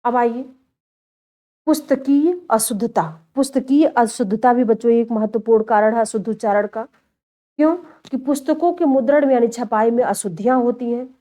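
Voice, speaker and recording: A woman teacher giving an exam-prep lecture. She explains each point in turn, calls her students children, and slows down to show how words are said. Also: fairly high pitch, dark tone. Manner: slows down and stretches words when showing pronunciation.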